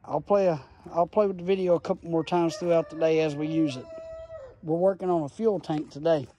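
A man's voice: fairly high pitch, fairly even intonation, brisk, warm tone, a little hiss or hum. A man giving an enthusiastic, folksy tool review, filmed on a handheld phone outdoors and in a garage. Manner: enthusiastic, folksy, rambling explanations. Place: outdoors in a gravel yard, then a garage. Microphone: phone camera held in hand.

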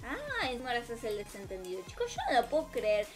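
Her pitch swoops wildly and she talks fast, a slightly high-voiced woman with an Argentine accent hosting a gaming video. Over the gameplay she improvises melodramatic role-play commentary, speaking theatrically both to viewers and to herself while music plays.

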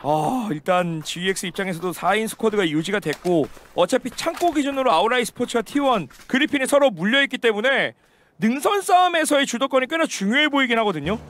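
A man's voice: very high voice, animated, fairly quick, fairly bright tone. A man giving live analytical commentary on a video game match as an esports caster. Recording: clear game and vehicle noise behind.

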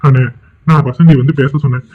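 A man's voice: mid-range voice, steady tone, fast talker, close to an everyday voice. A man voicing a mild, conciliatory middle-aged father in a cartoon. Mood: calm. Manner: plain, conciliatory. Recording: tinny phone-like sound.

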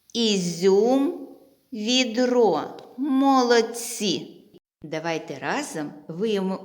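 Woman, teacher, children's literacy lesson, slow pace, drawn-out vowels, chanting letters. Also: on the low side. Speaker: primary school teacher.

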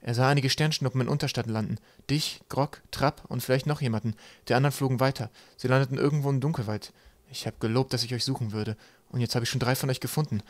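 A man voicing an earnest young male sky-pirate captain, speaking eagerly and a little higher than his narration. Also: steady tone, fast talker, no echo, natural voice.

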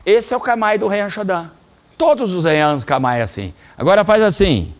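A man's voice: high voice, normal speed, slight background noise. A middle-aged man with a Brazilian Portuguese accent teaching a children's karate class in a training hall, calling out commands and explaining techniques. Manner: lively, coaching commands to children. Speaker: karate instructor.

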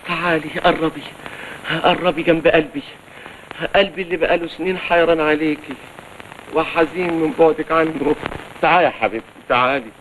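An actor playing a doting, sentimental older grandfather in a 1950s film, warm and pleading in manner. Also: fairly high pitch, steady tone, brisk, long pauses, lightly acted, low-quality recording. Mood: tender. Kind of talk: 1950s Egyptian film acting. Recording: old film soundtrack, audible hiss.

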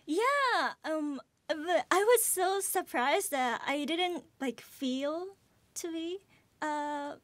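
A young woman in her early twenties speaks in a high, cute anime-girl voice. She takes her time, searching for words in casual interview chat. The studio sound is close and dry. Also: lively intonation, very slow, a bit bright, dry recording. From Japan. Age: early 20s. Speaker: guest, voice actress. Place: small radio studio, indoors. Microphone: desk gooseneck microphone.

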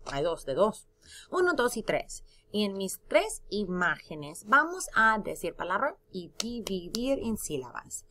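Her voice is lowish and a bit bright as she teaches a recorded lesson. Between prompts she praises her students, and she spells words letter by letter while stretching out the syllables.

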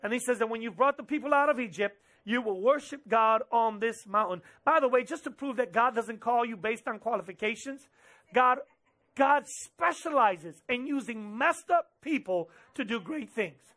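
A man in his thirties preaching a sermon from a church stage into a headset mic, animated and gesturing, slipping into quick quoted asides. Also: very high-pitched. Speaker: pastor. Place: church stage with drum kit behind, indoors.

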